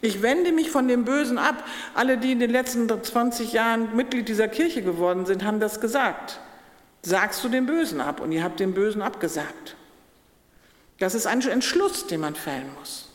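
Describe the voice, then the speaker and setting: A woman pastor giving a sermon, earnest and emphatic, with slow deliberate pauses. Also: fairly high pitch. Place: church. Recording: echoey church hall.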